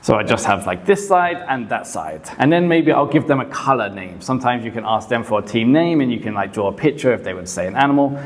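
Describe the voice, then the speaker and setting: A man who teaches English, casually explaining teaching tips in a relaxed, conversational way with frequent hedges. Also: mid-range voice, quick pace, hardly any pauses. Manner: relaxed and conversational, often hedging. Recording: long reverb, hall-like echo.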